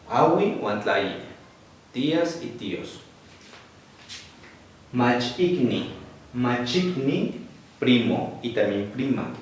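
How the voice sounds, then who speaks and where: A man teaching vocabulary with a Huasteca Hidalgo accent. He repeats each word slowly and then translates it patiently. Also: mid-range voice, a little mellow. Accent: Huasteca Hidalgo Nahuatl. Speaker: Nahuatl language teacher. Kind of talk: spoken vocabulary lesson. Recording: echoey, distant mic, faint noise.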